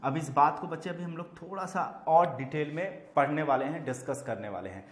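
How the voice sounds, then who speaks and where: A man's voice: fairly high pitch, brisk, roomy sound. A man teaching English grammar with an Indian accent. He repeats terms for emphasis and calls his students children. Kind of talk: classroom lecture.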